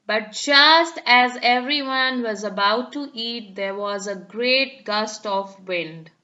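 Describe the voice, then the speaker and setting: A woman reading a picture book aloud to small children in an animated, deliberate way, on a slightly dull recording. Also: a little high. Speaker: storybook reader. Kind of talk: expressive read-aloud narration for small children.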